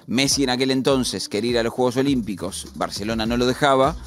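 A man's voice: mid-range voice, fast talker. Argentine man explaining sport patiently. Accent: Argentine Spanish. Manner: explains patiently, with an informal aside at the end. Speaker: sports commentator on a streaming talk show. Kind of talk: casual explanatory chat.

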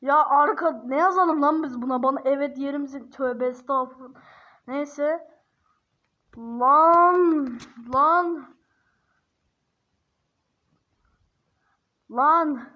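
A woman giving casual commentary for a video, teasing and exasperated, laughing often, drawling words slowly as she dictates what to type. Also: high-pitched, steady tone. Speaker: YouTuber. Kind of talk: casual screen-recording commentary. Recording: dull lo-fi recording.

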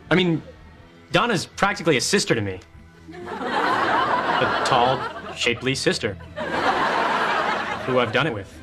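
An actor playing a sarcastic, awkward teenage son with deadpan, wisecracking delivery. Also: male voice, mid-range voice. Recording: noisy sitcom TV audio.

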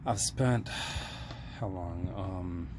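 This slow-talking DIY repair vlogger has a low-sitting voice and gives a casual how-to on a plumbing repair, squeezed under a sink indoors. He films first-person on a handheld phone, peppering his hands-on explanation with ums and uhs over background noise.

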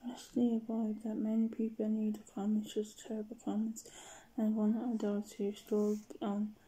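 A woman talking casually to the camera as a video creator, mostly in a hushed whisper. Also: medium pitch, completely flat delivery, moderate pace, husky, rough recording.

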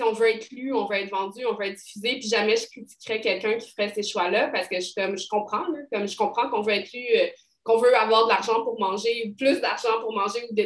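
Woman, québécois accent, thirties, rambling and casual, roomy echo. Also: a little high. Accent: Québécois French. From Quebec. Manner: rambling, many fillers and restarts. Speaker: poet, interview guest. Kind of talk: casual interview talk.

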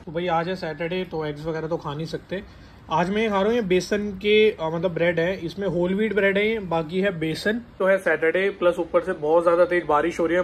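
A man's voice: a little high, a little hiss or hum. A young man talking casually to viewers in a daily vlog, filming himself on a phone at arm's length while out in the city. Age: young adult. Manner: chatty, addresses viewers as bhai. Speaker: vlogger. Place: outdoors on city streets and in a metro station. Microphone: phone held at arm's length.

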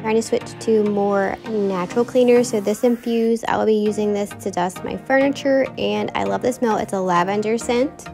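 A woman's voice: mid-range voice, fairly even intonation, normal speed, gravelly, few pauses, over music. A woman in her thirties, a wife and mom, chatting upbeat to her viewers in a home cleaning vlog voice-over.

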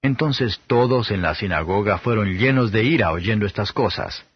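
A man giving a steady, measured Bible reading as an audiobook narrator, on a dull, slightly lo-fi recording. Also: fairly low pitch, slightly rough.

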